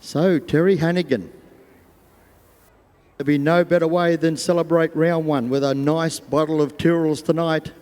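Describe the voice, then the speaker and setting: Echoing Australian male arena announcer, higher-pitched. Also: steady tone, normal speed, darkish tone. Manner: folksy, voices imagined thoughts of riders and animals. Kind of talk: live sport commentary over public address. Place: large show arena over loudspeakers. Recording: echoing stadium PA, long reverb.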